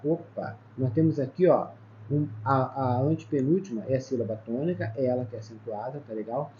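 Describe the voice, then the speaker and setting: A man's voice: medium pitch, brisk, dark tone. A man with a Brazilian Portuguese accent teaching an exam-prep lesson at a whiteboard. He explains step by step, counts letters aloud and keeps checking with "tá?" and "ó". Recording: slightly dull sound with faint background noise.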